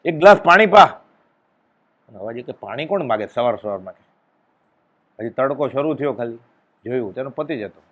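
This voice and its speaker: A man giving a devotional discourse, telling a story and acting out its dialogue with sudden loud exclamations. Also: mid-range voice, fairly quick, long pauses. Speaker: spiritual discourse speaker.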